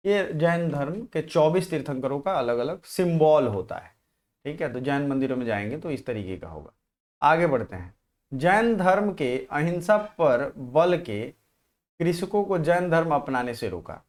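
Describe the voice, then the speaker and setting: A man teaching a live online exam-prep class, firing questions at viewers, answering them and reading their comments. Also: a little high.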